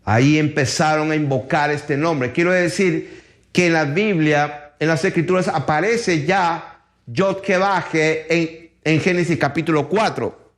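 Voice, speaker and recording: A man preaching a sermon, reading scripture aloud and asking his listeners rhetorical questions in a slow, emphatic way. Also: fairly high pitch. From Chile.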